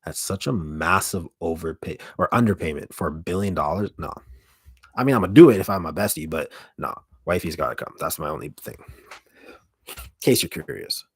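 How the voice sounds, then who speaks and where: A man with a deep, gravelly voice chats casually on a livestream in a halting way, often interrupting himself, close to the microphone. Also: no echo. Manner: halting, self-interrupting, mild swearing. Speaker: ASMR streamer hosting a live stream. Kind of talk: casual rambling livestream chat.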